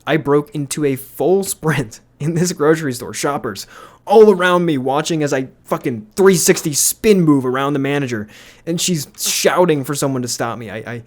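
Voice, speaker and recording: A man's voice: on the high side, expressive, normal speed. A young man, a YouTuber, telling a storytime with animation, laughing and swearing freely. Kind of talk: storytime narration.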